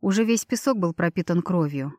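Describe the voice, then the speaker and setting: A woman with a somewhat low, dry-sounding voice tells a first-person fantasy story at an even storytelling pace. Her close, deadened recording keeps every word plain and near. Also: fairly quick, no room sound. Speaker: audiobook narrator. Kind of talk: scripted first-person narration.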